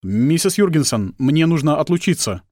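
A man voicing a polite, confused male household robot who speaks in a slow, measured, formal way. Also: on the high side, sing-song, darkish tone, dry recording, studio quality, voice pushed up. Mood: hesitant.

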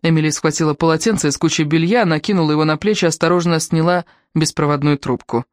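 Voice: mid-range voice, steady tone, fast, dry recording. Tense audiobook narrator, dry close sound. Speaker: audiobook reader. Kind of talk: scripted narration.

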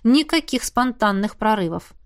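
A woman voicing a calm, weary male academy rector who speaks in a measured, patient way. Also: a little high.

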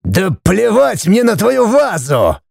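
Voiced by a man, this is a grave middle-aged judge and father who speaks slowly and with weight. His tone is dark and mellow. The pitch still moves a lot as he lectures, and the sound is dry and close. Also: big pitch swings, no echo. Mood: furious. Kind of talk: audiobook character voice.

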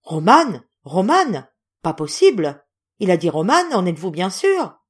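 A woman reading aloud as a gruff, hot-tempered old general, blustering and exclaiming. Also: sits high, expressive, moderate pace, a little mellow. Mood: astonished.

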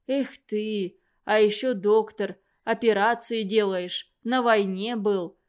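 A woman reading the lines of a gentle, caring mother who speaks softly and soothingly. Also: medium pitch, steady tone, takes it slowly, clear, resonant tone, lightly acted. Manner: soft, soothing.

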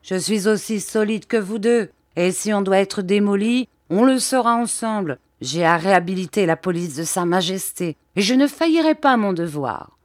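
A woman reading an audiobook, voicing a proud, excitable English police detective who insists on staying. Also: medium pitch, normal speed, few pauses, no echo, natural voice. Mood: indignant. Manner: indignant, insistent. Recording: dry close audiobook recording.

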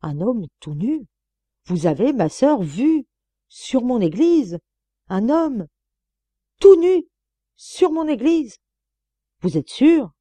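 A woman's voice: on the low side, lively intonation, moderate pace, long pauses, warm tone, no echo, natural voice. A woman reading an audiobook and voicing a pompous elderly village priest who preaches to children and stammers when alarmed.

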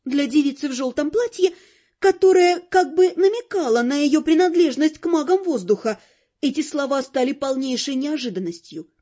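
A woman narrating an audiobook in the first person, in an expressive, wry storytelling manner. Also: high voice, moderate pace, lo-fi sound. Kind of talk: scripted narration.

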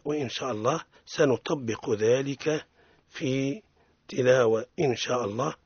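A man with a Tunisian accent hosting a radio lesson on Quran recitation, explaining each rule slowly and repeating every example. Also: medium pitch, slightly rough, dry recording, lo-fi sound. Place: radio studio.

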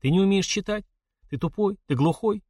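A man's voice: high voice, fairly quick, mellow, no room sound, studio quality, recorded from a distance, voice pushed up. A man reading an audiobook, voicing a sarcastic young male hero who mocks and needles his friend. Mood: needling. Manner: mocking, needling.

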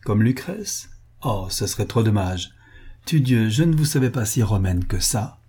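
Smug mocking gentleman, read by a man. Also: mid-range voice, a little fast, husky, close to an everyday voice. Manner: mocking, ingratiating.

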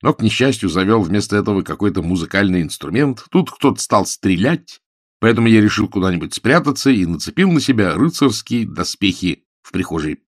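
A man's voice: lowish voice, lively intonation, brisk, husky, no room sound, clean studio sound. A man voicing an impulsive young man in love who talks eagerly and keeps pressing his point. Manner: eager, insistent, repeats himself.

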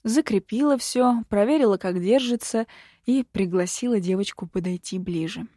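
A woman reads a first-person fantasy audiobook with a mellow, warm tone. Her delivery is calm and even, like a practiced storyteller. The recording is dry and close, with no room sound. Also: mid-range voice, normal speed, no echo. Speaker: audiobook narrator.

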